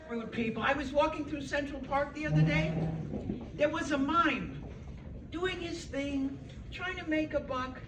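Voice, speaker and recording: In an echoey senior center hall, a high-pitched stand-up comedian from Brooklyn, New York, now in her 70s, jokes at her own expense and chats with the audience. She's picked up from far away over a loud crowd, with audience reactions and room noise behind her.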